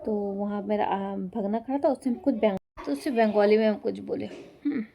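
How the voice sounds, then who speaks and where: A woman's voice: mid-range voice, moderate pace, gravelly, warm tone, a little hiss or hum. A young woman telling a personal story in a casual vlog, chatty and rambling. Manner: chatty, rambling retelling with fillers. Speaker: vlogger.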